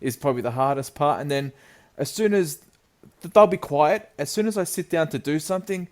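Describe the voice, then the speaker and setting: A man's voice: on the high side, a little fast. Chatty rambling male podcast co-host. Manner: rambling, self-deprecating, frequent restarts. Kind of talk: casual chat.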